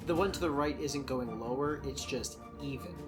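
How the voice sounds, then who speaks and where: Guy narrating a tabletop game, even calm delivery, music playing under it. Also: mid-range voice, moderate pace. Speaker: game master.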